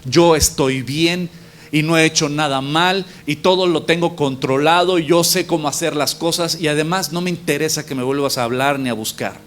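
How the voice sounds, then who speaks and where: A man's voice: a little high, normal speed, a bit bright, natural voice. A man voicing a proud, stubborn man who brushes off a friend's warning, in a sermon story. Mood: scornful. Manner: defiant and scornful, then pleading.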